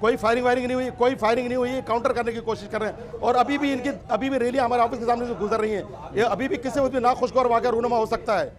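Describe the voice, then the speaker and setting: A middle-aged man in a heated television debate, his voice pitched very high as he talks over others. He hammers the same rhetorical questions again and again, angry and relentless. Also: fairly even intonation, racing, few pauses. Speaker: political party guest.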